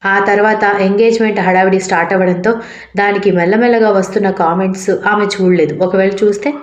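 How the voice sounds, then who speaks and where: A woman's voice: medium pitch, fairly even intonation, quick pace. Woman narrating a story, echoey room. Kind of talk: reading a romance story aloud.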